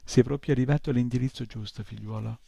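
Pompous old gnome professor, lecturing and boastful, dark and gravelly, as a male reader puts him on. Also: mid-range voice, fairly even intonation, fast talker, no echo. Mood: self-important. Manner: self-important and lecturing.

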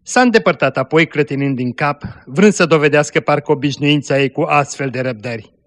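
A man's voice: fairly high pitch, a bit bright. Man reading a story in a reverberant hall. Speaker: story reader. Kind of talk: read-aloud storytelling.

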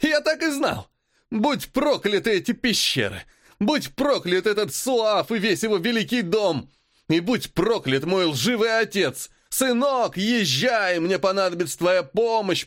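A man's voice: sits high, sing-song, measured pace, a bit bright, voice pushed up, exaggerated voice. A man voicing a young man gone mad in the caves, shrieking curses. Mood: hysterical. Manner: hysterical, shrieking, laughing madly. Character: young man driven mad, cursing his family. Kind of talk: audiobook character voice.

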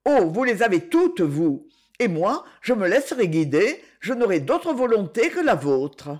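A woman's voice: medium pitch, sing-song, measured pace, a little mellow. A woman voicing an ardent young man pleading his love in a tender, muffled way.

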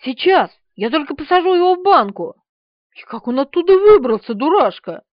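A woman's voice: sits high, big pitch swings, moderate pace, no echo, muffled recording, voice pushed up. A woman voicing an eager young man who fusses over his pets, in an urgent, fussing manner, reading an audiobook. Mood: soothing.

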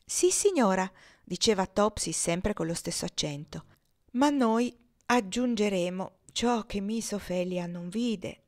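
A woman reading a classic novel aloud as an audiobook, in a calm, measured way. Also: mid-range voice. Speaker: reader. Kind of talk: audiobook narration.

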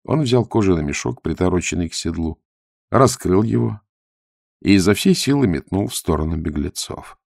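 A man narrating an adventure audiobook with vivid, expressive storytelling. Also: low-pitched, normal speed, gravelly, no echo, studio quality.

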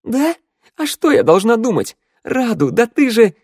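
A man's voice: very animated, a little slow, darkish tone, slightly rough, no room sound, studio quality, full character voice. A man voicing a distraught, tearful young woman who screams and sobs in an audiobook. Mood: bitter. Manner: sobbing, shrill, screaming.

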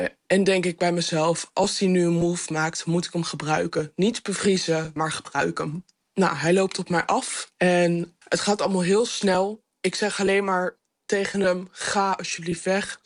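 A young woman whose voice is disguised and shifted deeper, haltingly recounting her own experience as an anonymous witness. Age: young adult. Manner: halting retelling with many fillers. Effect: voice disguised, pitch shifted deeper. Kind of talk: recorded personal account.

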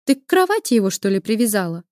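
A woman's voice: medium pitch, sing-song, fast, a little mellow, no room sound, clean studio sound, lightly acted. A woman reading the part of a cheerful adult sister who mocks and teases in a playful way. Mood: teasing. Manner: playful, mocking.

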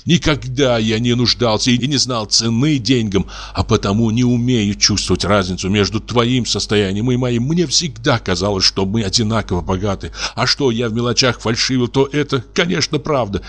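A man playing a remorseful husband who speaks softly and tenderly to calm his wife. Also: medium pitch, moderate pace, hardly any pauses, close to an everyday voice. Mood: tender soothing. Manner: soft, tender, pleading. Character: gentle remorseful husband, middle-aged, soothing.

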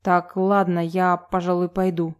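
A woman's voice: on the low side, little pitch movement, a little slow, clean tone, lightly acted. A woman reading an audiobook, voicing an earnest young man who is hurt and upset.

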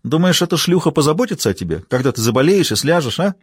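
A man's voice: fairly high pitch, big pitch swings, quick pace, husky, no echo, studio quality, pitched above the performer's own voice. A man as a bitter stubborn father in his sixties. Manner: grumbling, self-pitying. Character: defensive 61-year-old father, bitter and stubborn.

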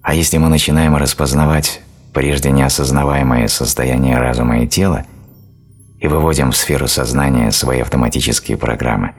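A man narrating a self-help audiobook in a steady, explanatory reading style. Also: a bass voice, creaky, husky. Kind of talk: scripted narration.

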